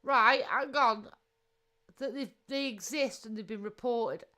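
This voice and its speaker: A woman's voice: a little high, a little slow, bright, forceful tone. A woman co-hosting a livestream, chipping in with blunt, sweary, mocking remarks and greeting viewers. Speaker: livestream co-host. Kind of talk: casual livestream banter.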